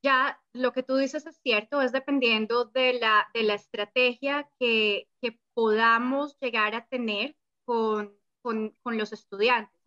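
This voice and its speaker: A woman's voice: on the high side, steady tone, slow pace, bright, forceful tone, muffled recording. A woman guest explaining study programs, listing options steadily with small fillers. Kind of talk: casual chat.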